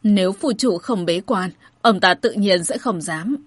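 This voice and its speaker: A soft-spoken old steward calms down an angry general with patient explanations, in a woman's reading. The voice is husky. The sound is dry and close. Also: medium pitch, measured pace, no room sound. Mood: placating.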